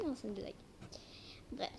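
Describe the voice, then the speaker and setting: A woman's voice: high-pitched, huge pitch swings, measured pace, gravelly. A young female speaker with braces slightly impeding her articulation, casually and hesitantly presenting a game in a homemade video. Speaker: amateur video creator. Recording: noisy homemade recording with clicks.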